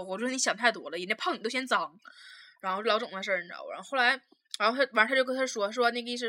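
Her pitch is a little high and her tone bright and forceful. She's a young adult hosting a podcast, spinning casual stories in a crude, outspoken manner with a Northeastern Mandarin accent, laughing often along the way.

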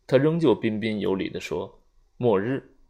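Low, gravelly male audiobook narrator. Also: animated, normal speed, warm tone.

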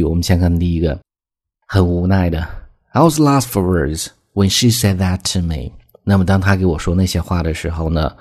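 A man teaching English vocabulary, explaining each phrase patiently and reading example sentences slowly twice. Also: sits low, mellow.

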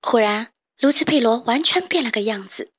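A woman with a fairly high voice narrates a children's storybook, gentle and expressive. She reads like a kindly aunt telling a story to little ones. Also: normal speed.

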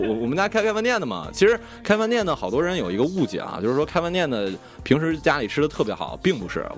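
Male co-host, animated storyteller with a mid-range voice. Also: mid-range voice. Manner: animated, acts out family members' lines. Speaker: live-stream co-host. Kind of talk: casual storytelling chat.

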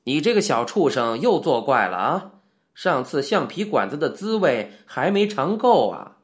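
A man voicing a heavyset police officer who questions suspects in a loud, pressing voice. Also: medium pitch, sing-song, normal speed, lightly acted. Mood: mocking. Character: gruff heavyset male police officer interrogating.

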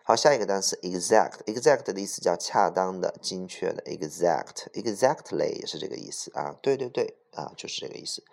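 Gravelly low-voiced male English teacher. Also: expressive, a little mellow. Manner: explains each word with examples, repeats words slowly; clears throat often. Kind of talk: vocabulary lesson.

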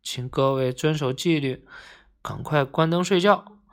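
A storyteller voicing a stern, bossy yellow paint blob that firmly orders everyone to sleep in a bedtime story. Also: mid-range voice, measured pace, close to an everyday voice. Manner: firm, scolding.

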